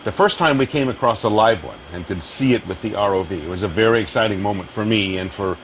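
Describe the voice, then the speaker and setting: A man's voice: on the low side, fast talker, soft background music. A man speaking unscripted as a research scientist interviewed for a nature documentary. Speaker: deep-sea research scientist. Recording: clearly noisy location sound.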